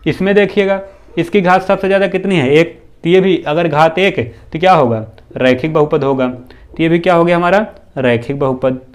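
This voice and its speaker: A male math teacher giving a slow, repetitive classroom lesson, posing questions to the students and answering them himself. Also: on the high side. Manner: often adds "bhaiya" and "theek hai na".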